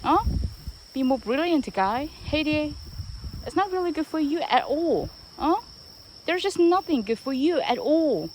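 Outdoors amid noisy surroundings, a woman chats casually with her dogs, swinging between fond baby talk and mock scolding, occasionally in English. Her high voice is a little mellow with lively intonation, and she speaks extremely slowly.

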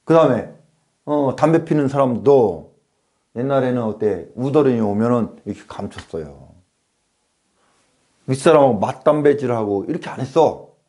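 A comic plays a schoolteacher in a comedy class, scolding his pupils and firing off rhetorical questions while repeatedly asking "어?". His mid-range voice is animated and warm, moving at normal speed with frequent pauses.

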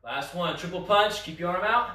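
A man's voice: sits high, normal speed, bright, forceful tone. A man teaching a martial arts class, calling out commands and counts. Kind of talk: class instruction. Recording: echoey room, mic far off.

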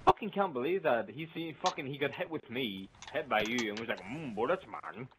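A young man trash-talking and bantering loudly while playing a shooter game. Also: mid-range voice, expressive, brisk, crowd noise. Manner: loud, swearing, mocking. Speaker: gamer. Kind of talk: profane gaming banter. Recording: voice chat over loud game sounds.

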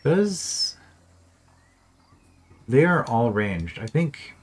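A man with a low voice narrates his own strategy game session, half talking to himself. His tone is dry, with bits of deadpan sarcasm. A faint buzz of crickets and insects sits under the recording. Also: moderate pace, slight background noise. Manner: muttering, thinking aloud, dry sarcasm. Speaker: gameplay commentator. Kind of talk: casual let's-play commentary.

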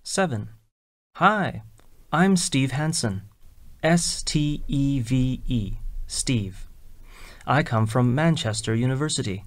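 A man voices a scripted listening exercise at an unhurried pace. His delivery is careful and clearly enunciated. He spells names out letter by letter, in a dead-dry recording. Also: mid-range voice, lively intonation, no room sound. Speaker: exam recording reader.

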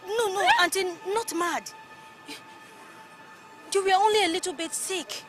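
A gentle young woman calmly reassuring her aunt. Her voice sits very high, with soft film music behind it. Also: unhurried. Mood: soothing. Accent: Nigerian. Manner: soothing.

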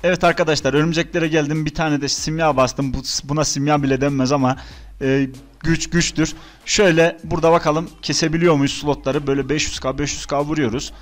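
Excitable Turkish gaming commentator. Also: male voice, fairly high pitch, brisk. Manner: excitable, swings between groans and outbursts. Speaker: gaming YouTuber. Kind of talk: casual let's-play commentary.

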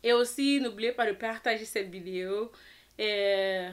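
A young adult woman vlogger telling a personal story in an animated, quick way, acting out the dialogue. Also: medium pitch. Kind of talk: storytime vlog.

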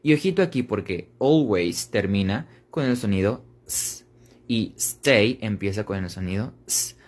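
Male teacher, fairly low voice, patient step-by-step pronunciation lesson with slow repeated example phrases. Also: lively intonation. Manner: explains step by step, repeating English phrases slowly. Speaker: English teacher. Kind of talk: explaining an English pronunciation lesson.

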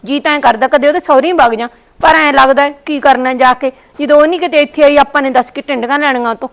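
A woman playing a spiteful, scheming young sister-in-law who talks in a sharp, scornful way in a family short drama. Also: high voice, steady tone, fast. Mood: grumbling. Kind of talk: family short-video acting.

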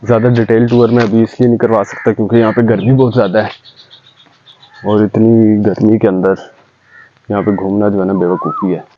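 A man's voice: lowish voice, little pitch movement, fairly quick, highs cut off, a little hiss or hum. A chatty young man from Pakistan giving a casual vlog tour of his village outdoors, talking straight to viewers into a handheld camera. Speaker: vlogger.

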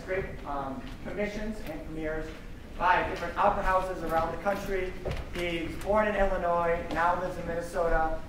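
A young man in a choir giving a casual spoken introduction to a piece at a concert, with many fillers and restarts. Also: sits high. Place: large concert hall stage. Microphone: no mic, far camera. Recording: echoey hall from far off, noisy.

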